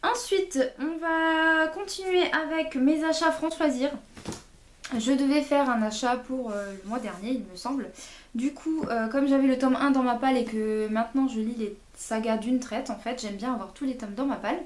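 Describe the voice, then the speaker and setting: A woman's voice: sits high, moderate pace, echoey room. A woman chatting casually about books she bought, with many fillers and self-corrections. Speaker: book vlogger. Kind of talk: casual book haul chat.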